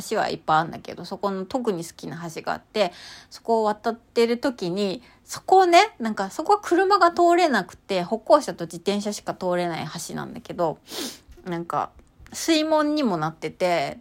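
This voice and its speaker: A woman talking casually and chattily about her walks and inner experiences, with many fillers and sudden excited outbursts. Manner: chatty, animated, bursts into high excited exclamations; many fillers, lots of sentence-final さ. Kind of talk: casual spiritual chat.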